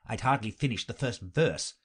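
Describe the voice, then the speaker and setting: A man's voice: mid-range voice, lively intonation, moderate pace, a bit bright, husky. A man voicing an odd, mournful hatmaker who rambles theatrically.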